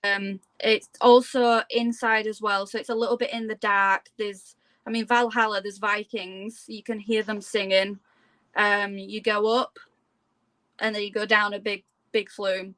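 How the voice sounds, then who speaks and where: A woman's voice: mid-range voice, little pitch movement, unhurried, fairly bright tone, no room sound, low-quality recording. A woman talking casually as a guest in an interview. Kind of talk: casual chat.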